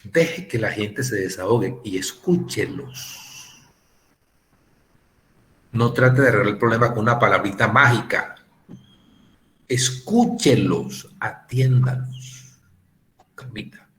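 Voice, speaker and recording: A man's voice: fairly low pitch, slow pace, long pauses, slight background noise. A man teaching a ministry course, lecturing with many rhetorical questions and acting out what people say. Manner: animated, rhetorical questions, acts out quoted remarks. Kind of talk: classroom lecture.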